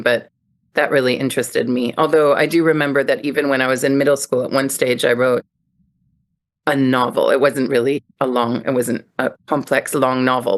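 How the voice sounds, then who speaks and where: A middle-aged woman raised across Europe, answering interview questions in a thoughtful, reflective way and laughing easily. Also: rumbling low. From Europe (Netherlands, France, Germany). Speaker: podcast guest.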